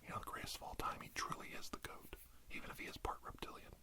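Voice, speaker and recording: Speaking quickly, a man rambles through an ASMR story as a self-described healing doctor. His manner wanders and hesitates while staying deadpan and earnest.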